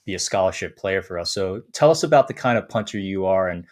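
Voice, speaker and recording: Deep-voiced male sports podcast host. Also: expressive, fast talker. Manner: direct, prompting questions. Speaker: show host interviewer.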